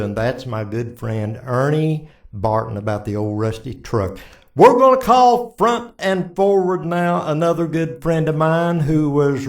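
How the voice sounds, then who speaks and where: A man hosting a country music radio show, introducing acts in a folksy, drawn-out way. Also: mid-range voice, a little mellow.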